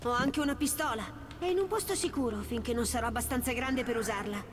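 A woman's voice: on the high side, fast, a little hiss or hum, close to an everyday voice. Woman voicing Sasha, a scared little girl. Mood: earnest. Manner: childlike, earnest and pleading. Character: small lost girl, frightened but brave. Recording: game dialogue over loud music.

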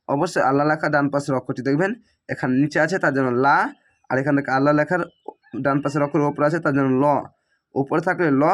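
A man teaching Quran recitation, breaking words into syllables and repeating them slowly, with a Bangladeshi Bengali accent. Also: a little high. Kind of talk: spelling-out Quran recitation lesson.

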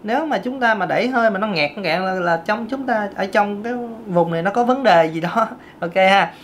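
A woman's voice: medium pitch, brisk, slight background noise. A woman, a vocal coach giving a casual singing lesson and breaking off to demonstrate vocal sounds.

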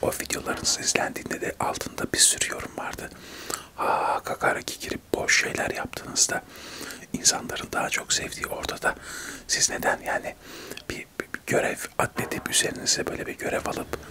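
A man in his thirties doing a whispered role-play of a testy TV debate, arguing insistently in a breathy whisper. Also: normal speed, bright, forceful tone. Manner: whispering throughout, argumentative, insistent. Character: testy male TV debate guests squabbling in whispers. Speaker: ASMR creator acting out a debate show.

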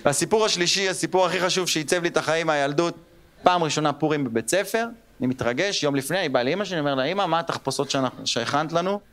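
A man in his thirties doing stand-up on stage, telling childhood stories and slipping into squeaky and gruff voices for the people in them. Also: slight background noise. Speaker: stand-up comedian. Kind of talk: stand-up storytelling. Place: theater stage with live audience. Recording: live show with loud crowd laughter.

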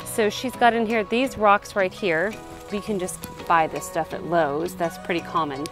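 A woman's voice: fairly low pitch, fairly even intonation, normal speed, over music. A woman, giving a casual, upbeat garden tour outdoors and explaining as she walks, recorded on a handheld camera. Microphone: handheld camera, selfie framing.

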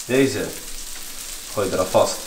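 A man chatting casually in street slang as he cooks, repeating words excitedly. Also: lowish voice, a little slow. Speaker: home cooking vlogger. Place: home kitchen with food sizzling. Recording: roomy kitchen, clear background noise.

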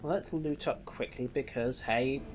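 A man's voice: medium pitch, normal speed, slight background noise. A man casually commenting on his gameplay with dry, wry asides. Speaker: let's play host.

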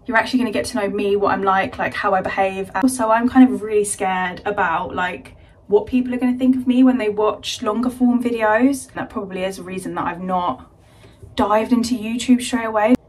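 A woman's voice: medium pitch, fairly even intonation, brisk, poor audio. A woman chatting casually to her phone camera while sorting her bedroom, rambling and self-deprecating. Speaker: home vlogger. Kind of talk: casual vlog chat to camera. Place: bedroom at home, indoors.

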